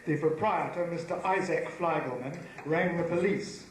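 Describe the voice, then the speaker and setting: A man's voice: on the high side, normal speed, slight background noise. Dry New man reading joke news. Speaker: comic performer. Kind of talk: deadpan mock news reading. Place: theatre stage. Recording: echoey stage recording in a hall.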